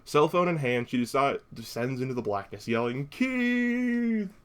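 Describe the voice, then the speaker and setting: A young man talks through a horror film's plot for his podcast in a loose, chatty way. He throws in dry, wry asides and a lot of filler words. His voice sits at an ordinary middle pitch. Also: expressive, brisk. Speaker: podcast host. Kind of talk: casual movie recap.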